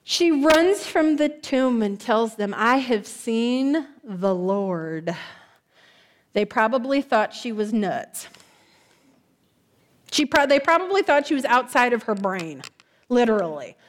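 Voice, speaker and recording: A woman preacher giving a sermon, telling the story in a lively, conversational way and acting out the quoted lines. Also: a little high, unhurried. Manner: conversational, warm asides to the congregation.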